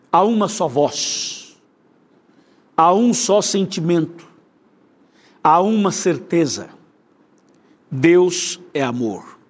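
Brazilian preacher guy, kinda high voice, fervent, repeats lines over and over. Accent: Brazilian Portuguese. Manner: fervent, repetitive preaching cadence. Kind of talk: sermon.

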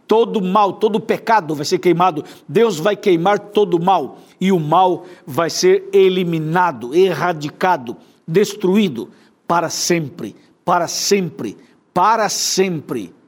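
Brazilian preacher guy, kinda high voice, fervent, repeats lines over and over. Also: unhurried. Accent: Brazilian Portuguese. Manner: fervent, repetitive preaching cadence. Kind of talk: sermon.

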